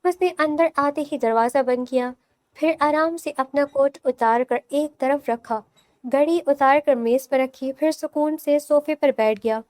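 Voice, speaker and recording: A woman narrating a romantic audio novel with steady, scripted storytelling. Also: sits high, dry recording.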